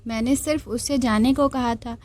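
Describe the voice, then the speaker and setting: A woman reading aloud and voicing a calm, smug young man who talks in an offhand, teasing way. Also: fairly high pitch, moderate pace, natural voice.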